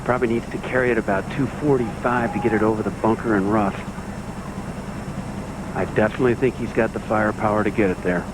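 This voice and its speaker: A man's voice: lowish voice, steady tone, a little fast. A man giving confident, explanatory golf commentary from out on the course. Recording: clear outdoor noise on the course.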